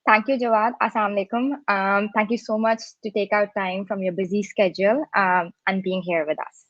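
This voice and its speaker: A young woman in her twenties hosts and moderates a panel interview over a video call, friendly and giving scripted introductions with some "um" and "like". Her mid-range voice is brisk and fairly bright, with fairly even intonation and no room sound. The call audio is dry and muffled.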